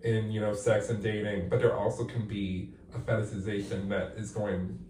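A playwright in his forties, sitting in a bathtub, gives a candid interview, reflecting thoughtfully and using "like" a lot. His voice is lowish and a little mellow, with little pitch movement and normal speed, captured by a distant camera in an echoey bathroom with slight background noise.

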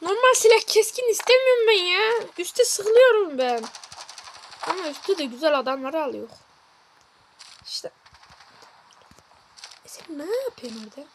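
A woman gaming streamer giving live gameplay commentary, excitable and yelping repeated words in tense moments. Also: very high-pitched, moderate pace, pauses often, background noise. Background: loud game music and gunfire.

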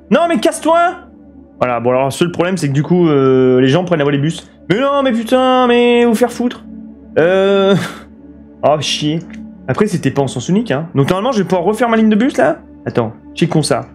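A young French man streams a city-building game, chattering excitedly, cursing at traffic and answering his viewers. His voice sits a little high. Soft guitar music plays faintly underneath. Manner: excitable, swears a lot, talks to chat. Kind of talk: live city-builder gameplay commentary.

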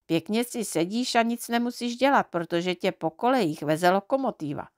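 A woman's voice: medium pitch, animated, dry recording, studio quality, lightly acted. A woman voicing a curious, chatty little girl mite from a storybook, speaking in an eager, questioning tone.

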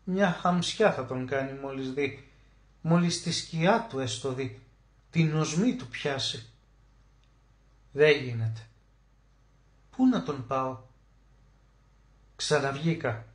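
A man narrating a literary short story as an audiobook, emotive, slowing down to stress key words. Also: mid-range voice, lively intonation. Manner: emotive, with slow drawn-out emphasis on key words. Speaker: audiobook reader. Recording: roomy echo.

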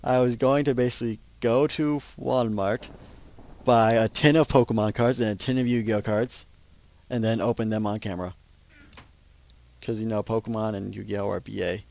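Rambling teen gamer. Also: male voice, on the low side, fairly even intonation, normal speed, vocal fry, a little mellow. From Minnesota. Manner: rambling, self-interrupting, chatty. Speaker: gaming channel host. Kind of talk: casual gameplay commentary.

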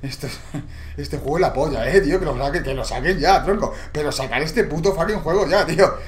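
A man's voice: fairly high pitch, fairly quick. A man commentating a horror game, panicky and swearing. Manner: panicky, swearing, shouting in fright. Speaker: gamer. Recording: echoey room.

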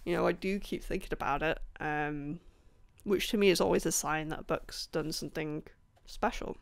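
A woman chatting casually about books she has read, rambling with many ums, apologizing and laughing softly, her voice a bit rough. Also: deep voice, moderate pace. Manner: apologetic, laughs between points. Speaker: book vlogger. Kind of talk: casual book review chat.

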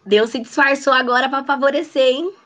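High-pitched woman bantering. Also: brisk, a bit bright, slight background noise. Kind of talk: casual joking banter.

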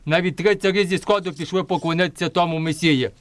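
Man acting pompous high-voiced tyrant King Herod. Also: fast, no echo, natural voice. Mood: imperious. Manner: pompous, commanding. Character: wrathful, boastful tyrant King Herod of puppet theatre. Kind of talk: declamatory folk nativity puppet play.

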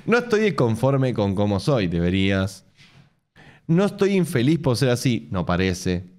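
A man in his thirties speaks in a mid-range, darkish voice with an Argentine Spanish accent, very animated yet unhurried. He's reading a post aloud on a casual home stream, breaking in with sarcastic, laughing asides, in a room with bookshelves.

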